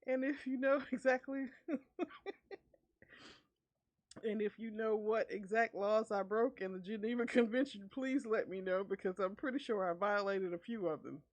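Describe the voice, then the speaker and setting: A woman's voice: mid-range voice, moderate pace. Giggly woman reading a story aloud. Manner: giggly, laughing often between lines. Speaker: VTuber streamer.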